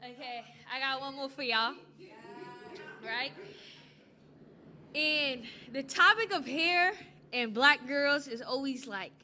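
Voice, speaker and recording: A young American woman with a high, bright voice speaks to a live audience as a spoken word poet. She shifts between casual introduction and poetic delivery. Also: slow pace, long pauses. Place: live stage before an audience. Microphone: stage microphone.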